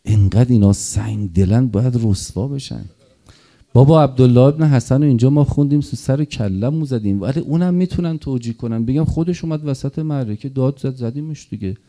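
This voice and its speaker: A middle-aged man giving an impassioned mourning sermon, dropping to murmurs and rising to loud cries. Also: medium pitch. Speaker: religious eulogist.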